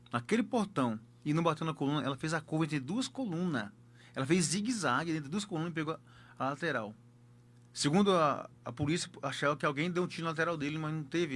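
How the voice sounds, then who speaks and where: Brazilian pastor guy telling his story, talks fast and punchy, repeats words. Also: a little high, fairly bright tone. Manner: emphatic, repeats key words for effect. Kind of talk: personal testimony storytelling.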